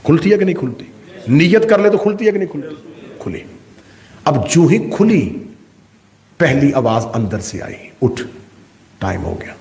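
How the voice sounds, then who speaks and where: A male Shia cleric giving a majlis sermon, oratorical and full of rhetorical questions, swinging from loud peaks to hushed asides. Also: on the high side, big pitch swings, long pauses. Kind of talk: majlis sermon to a live congregation.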